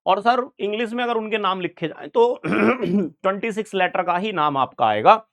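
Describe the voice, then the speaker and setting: A young man teaches biology in an online exam-prep lecture. His voice sits slightly high for a man. He talks in a chatty, informal way and keeps checking in with his students. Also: lively intonation, moderate pace, fairly bright tone. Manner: chatty, keeps asking "right, sir?" to students.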